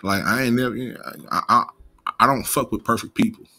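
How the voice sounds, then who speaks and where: An American man with a mid-range voice speaks a little fast, sounding pushed and bright, with a slight stutter. Hosting online commentary off the cuff, he uses slangy, profane, casual language and mispronounces some words.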